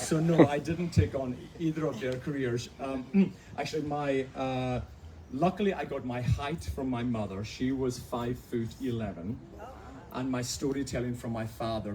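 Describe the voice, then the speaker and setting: A man's voice: medium pitch, background noise. A Scottish man from the Outer Hebrides with a Hebridean accent, telling a family story on stage with chuckles and self-mockery. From Outer Hebrides, Scotland. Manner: anecdotal, chuckling, self-mocking. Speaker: author guest at a book event. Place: bookshop event with audience. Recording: distant mic, live audience.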